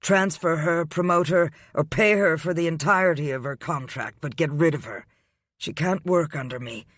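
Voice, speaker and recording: A man voicing a wealthy male hotel boss who speaks calmly and coolly and turns curt when annoyed. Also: on the high side, moderate pace, breathy edge, no room sound, studio quality, voice pushed up.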